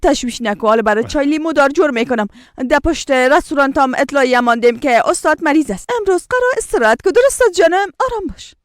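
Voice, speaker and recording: A caring, high-voiced wife. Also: female voice, animated, few pauses, no room sound. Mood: soothing. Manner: soothing and coaxing, stern with others. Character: caring wife nursing her sick husband. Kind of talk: dubbed TV drama.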